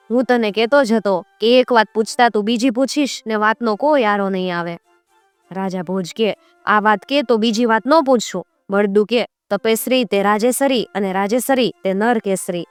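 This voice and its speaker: A woman's voice: mid-range voice, normal speed, clean tone, dry recording, faint music behind. A woman narrating a traditional folk tale and voicing the characters' lines as she tells it. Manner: voices characters in quoted speech. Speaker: storyteller.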